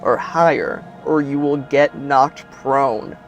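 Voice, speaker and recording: A man's voice: medium pitch, muffled recording, loud music behind the voice. A man running a tabletop game, narrating scenes with some fillers. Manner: unhurried descriptive narration with fillers. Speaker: game master.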